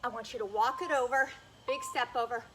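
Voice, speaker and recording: A woman's voice: fairly high pitch, steady tone, brisk, noisy background. A woman leading a workout as a fitness instructor, energetically calling out cues and counts.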